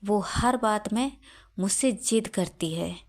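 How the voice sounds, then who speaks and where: A woman's voice: mid-range voice, slow. A woman voicing an angry, stubborn elderly mother-in-law who scolds and insists. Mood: scolding.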